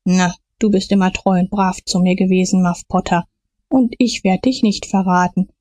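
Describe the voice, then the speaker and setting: A woman doing a gruff, cold-hearted killer. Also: on the low side, steady tone, moderate pace, darkish tone, no echo, lightly acted. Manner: gruff, growling.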